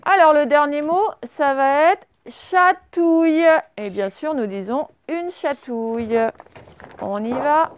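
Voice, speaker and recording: Speaking a little slowly with lively intonation, the primary school teacher's voice sits high as she patiently and encouragingly spells out dictation words letter by letter for young children.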